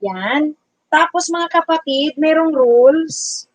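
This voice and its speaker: A teacher from the Bicol region hosting a casual livestream, loudly chatting and greeting viewers by name. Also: female voice, sits high, takes it slowly, no echo, rough recording. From Bicol region, Philippines.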